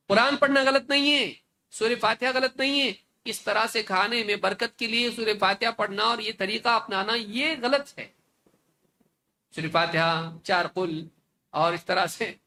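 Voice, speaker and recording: A man giving a religious lecture, animated, acting out opponents with mocking rhetorical questions. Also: sits high, a little hiss or hum. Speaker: Islamic scholar lecturing.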